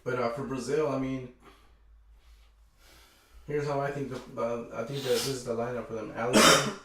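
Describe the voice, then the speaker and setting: Relaxed man in an echoey room. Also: medium pitch, moderate pace, distant mic, noisy background. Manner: laid-back, stumbles over player names. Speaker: podcast co-host. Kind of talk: casual chat.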